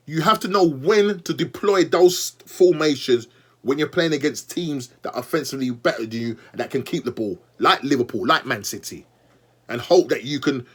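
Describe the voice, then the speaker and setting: A young man vents about his team in an exasperated, animated fan review. His voice sits a touch high for a man, and he repeats his points and talks straight at the manager. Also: moderate pace, husky. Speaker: football fan channel host. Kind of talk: fan match review rant.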